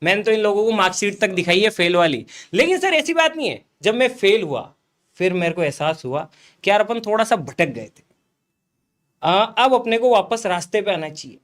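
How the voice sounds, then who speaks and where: At a normal speed, a young man with a high, sing-song, fairly bright voice shares how he failed and studied again, speaking as a guest influencer in a motivational chat. His tone is earnest and direct, with viewers addressed as guys and the host repeatedly called sir.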